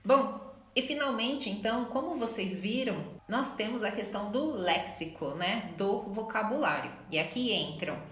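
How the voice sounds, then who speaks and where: A woman's voice: medium pitch, animated, fairly bright tone, roomy sound. A woman with a Brazilian accent teaching a Portuguese lesson, chatty and carefully sounding out model words. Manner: slow, clearly articulated model pronunciations, chatty asides. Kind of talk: online language lesson.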